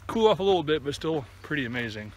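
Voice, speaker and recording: Walking through woods and an open meadow, a male hiking vlogger talks casually to the camera in a fairly high, sing-song voice at a fast clip. He's recorded on a phone or camera at arm's length, with clear ambient noise around him.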